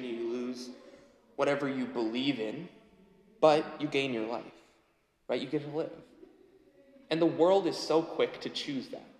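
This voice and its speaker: A man teaches from the Bible in a relaxed, chatty way and reads the scripture passages out a little louder. His voice rings through a large room with a long, lingering reverb. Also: mid-range voice. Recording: echoey hall with long reverb.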